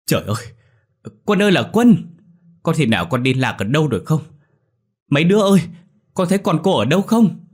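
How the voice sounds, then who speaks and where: A man voicing a frantic young mother who is calling loudly for her missing son. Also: quick pace, slightly rough. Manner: shrill calling out, panicked.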